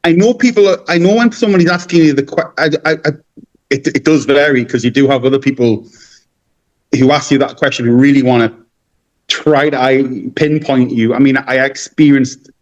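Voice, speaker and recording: With a mid-range voice and a slightly quick delivery, a man from North-East England tells casual, meandering stories as an interview guest, often going back over his words. The recording has its high frequencies cut off.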